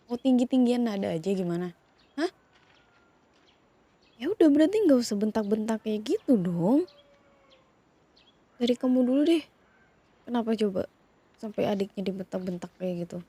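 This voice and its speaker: An ASMR roleplay creator whispers in a medium-pitched, slightly rough voice, playing a woman who calms her partner and his younger sibling as they fight. She softly scolds and soothes at once, asking questions as she goes.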